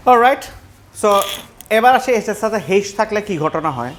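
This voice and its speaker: A man with a Bangladeshi accent leads a classroom pronunciation lesson in a slightly high voice. He explains patiently, repeats each word slowly, and slips English phrases into his talk. Faint background noise sits under his voice. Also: expressive.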